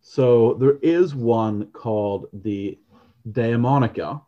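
A man co-hosting a podcast chats casually and rambles, full of fillers and restarts. His voice is medium-pitched and slow, and the recording has its highs cut off.

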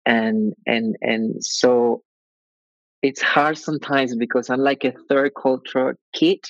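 Man, Colombian accent, gravelly voice, halting with many restarts, dry lo-fi podcast sound. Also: medium pitch, fairly even intonation, no echo. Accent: Colombian Spanish. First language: Spanish. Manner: hesitant, many restarts and fillers. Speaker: guest. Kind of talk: podcast interview.

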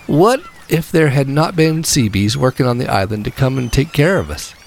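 A man's voice: medium pitch, sing-song, moderate pace, creaky, slight background noise, pitched below the performer's own voice. A man voicing a young wartime air gunner who asks earnest, devout questions. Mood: wondering.

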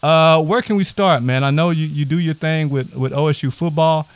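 A man hosting a podcast from a house, talking loose and hyped with plenty of shout-outs. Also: a little high, normal speed, no room sound. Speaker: podcast host. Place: a house set up as a home studio.

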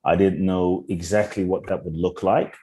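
Low dark husky-voiced man telling his story. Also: fairly even intonation. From Ghana and London. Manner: earnest, slow and searching with repeated restarts. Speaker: guest. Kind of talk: reflective interview storytelling.

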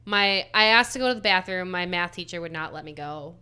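A young woman telling an embarrassing story in a casual chat, filling her speech with "like" and trailing off softly. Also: lowish voice, a little fast, clear, resonant tone. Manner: fills speech with "like", trails off quietly.

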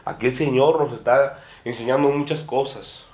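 A male preacher speaks at a middle pitch, in a room with noticeable echo. He delivers his sermon in a repetitive way, circling back on his phrases and addressing his listeners again and again as brother and sister. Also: normal speed, a little mellow. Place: church room with a table and a small congregation. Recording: echoey room.

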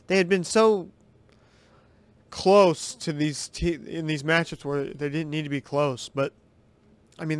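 A man hosting a sports podcast, giving excitable, rambling, profane commentary over game footage. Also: fairly high pitch, no echo.

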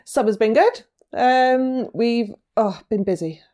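A woman's voice: fairly high pitch, slow pace. A middle-aged woman, co-hosting a wedding podcast in casual chat with lots of ums. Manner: chatty, lively, lots of ums. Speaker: podcast co-host, wedding photographer.

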